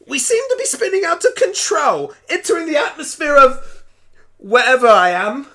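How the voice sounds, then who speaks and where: A performer voicing a frantic, excitable alien Doctor turned talking pony in a hobby radio play, chattering away in exclamations. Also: high-pitched, normal speed, pitched above the performer's own voice, exaggerated voice. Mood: panicked, urgent.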